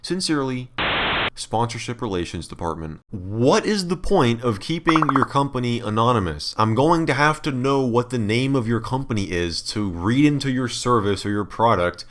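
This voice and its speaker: Disbelieving man reading aloud, animated pitch swings. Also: normal speed, few pauses, a little hiss or hum. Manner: disbelieving, sarcastic asides while reading. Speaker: YouTuber. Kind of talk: casual comedic commentary, reading emails aloud.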